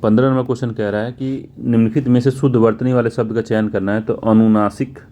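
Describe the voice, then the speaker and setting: Fast and flat in delivery, a male teacher with a mellow, medium-pitched voice walks through exam answers question by question. He frequently repeats the answers and confirms with "theek hai".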